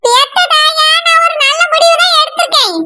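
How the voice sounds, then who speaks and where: A woman's voice: extremely high pitch, normal speed, pushed and bright, full character voice. A woman voicing a stubborn middle-aged village mother who argues insistently, with a Kanyakumari accent. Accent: Kanyakumari Tamil. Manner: pleading then reproachful, insistent. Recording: noisy recording.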